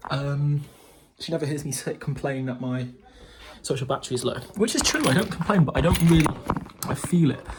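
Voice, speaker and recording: A man's voice: on the high side, brisk, noisy background. A man, chatting casually into a handheld phone, rambling and restarting his sentences. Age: 20s. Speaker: vlogger. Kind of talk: casual vlog. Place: house and garden at his grandparents'.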